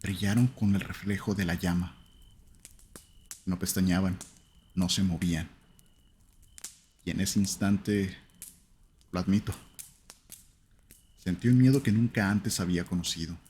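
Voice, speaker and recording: A man narrating a first-person horror story in a slow, somber, suspenseful way. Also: low voice, fairly even intonation, a little mellow, a little hiss or hum.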